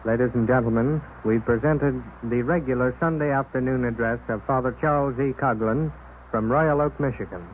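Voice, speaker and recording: Brief: male station announcer, old 1930s radio show sign-off, formal and even, thin tinny band, faint hiss. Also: medium pitch, normal speed. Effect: old 1930s radio broadcast.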